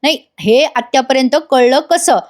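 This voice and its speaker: A woman reading the lines of a teasing, sharp-tongued young village man. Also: high voice, moderate pace, lightly acted. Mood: taunting.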